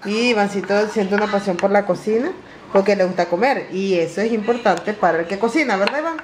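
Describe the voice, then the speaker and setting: A woman's voice: medium pitch, brisk, noisy background. A woman with a Venezuelan accent, vlogging casually at home in a chatty, playful, exclamatory way. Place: home, indoors.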